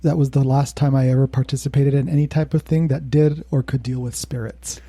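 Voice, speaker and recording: A man's voice: medium pitch, fairly even intonation, a little fast, dark tone, no echo. A male podcast co-host telling a spooky story in casual chat, laughing now and then. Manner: laughs while telling a creepy tale.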